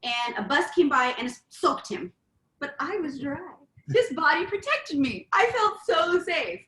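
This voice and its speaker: This middle-aged relationship-podcast co-host has a high, slightly bright voice and delivers her points very animatedly but a little slowly. She earnestly elaborates with examples during casual chat, and the echoey room carries faint ambience.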